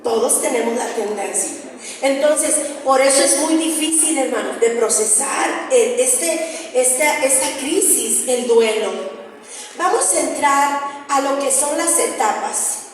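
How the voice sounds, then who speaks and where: A woman's voice: sits high, measured pace, a little hiss or hum. A middle-aged woman preaching earnestly to a women's group and having them read along. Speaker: preacher and singer. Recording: echoey hall, distant mic, faint ambience.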